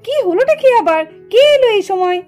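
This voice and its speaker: A patient, busy young mother, voiced by a woman in a doll puppet cartoon, asking puzzled questions and calming others. Her voice is pitched very high, with faint music behind. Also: fairly quick. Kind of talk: doll puppet show voicing.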